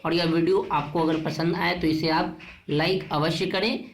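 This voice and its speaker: A woman teacher giving a recorded lesson, explaining patiently and reciting word forms slowly, one by one. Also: on the low side, fairly even intonation, slight background noise. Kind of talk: online class lesson.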